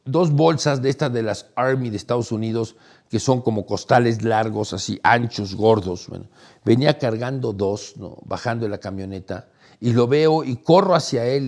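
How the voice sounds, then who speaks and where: A middle-aged man, hosting and telling a personal story in a casual, animated way. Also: mid-range voice. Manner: animated, acts out quoted voices, laughs while telling. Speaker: host, storyteller.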